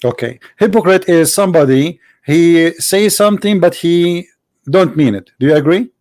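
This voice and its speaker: A man's voice: fairly high pitch, normal speed, a little mellow, no echo. A man hosting a live call-in debate show, arguing insistently and repeating his points to press a caller. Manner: argumentative, insistent, repeats phrases.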